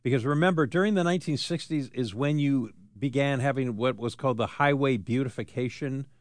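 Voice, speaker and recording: An American man hosting talk radio, giving unscripted commentary in a halting, deliberate manner. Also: mid-range voice, no echo.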